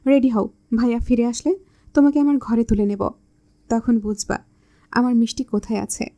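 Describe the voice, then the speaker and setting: A woman's voice: on the high side, steady tone, normal speed, warm tone, close to an everyday voice. A woman voicing a teasing, bossy young man in love, with a smug manner.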